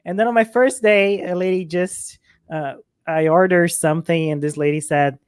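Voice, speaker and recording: A woman chatting casually on a panel, telling a story with relaxed, thoughtful pauses. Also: on the low side, smooth, dry recording, clean studio sound.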